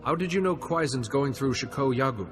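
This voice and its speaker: Actor as calm, formal Jedi, music behind. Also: male voice, mid-range voice, lightly acted. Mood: stern, composed. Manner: measured, formal. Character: calm, formal, wise male Jedi knight, dutiful and measured. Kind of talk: video game cutscene dialogue.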